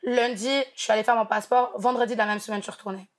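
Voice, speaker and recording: A woman's voice: on the high side, fairly even intonation, very fast. A young woman from Montreal, telling a story casually and animatedly, mixing in English slang. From Montreal, Canada. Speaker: guest storyteller.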